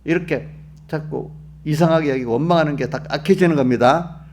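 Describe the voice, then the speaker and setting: A man's voice: a little high, fairly quick, a little mellow. A male pastor giving an early-morning sermon to his congregation. He talks in a conversational way, often asks his listeners questions, and acts out the inner voices of believers. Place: church.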